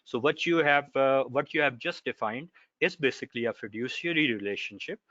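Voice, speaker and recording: A man with a Pakistani accent explaining law in an online question session, emphatic and deliberate. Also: mid-range voice, pushed and bright, no echo. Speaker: seminar speaker answering legal questions. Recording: dry, slightly dull online audio.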